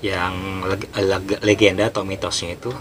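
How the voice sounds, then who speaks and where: A man telling a horror story in a casual, animated way, acting out the scenes. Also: deep voice, moderate pace, slight background noise. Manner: animated, emphatic, acts out scenes.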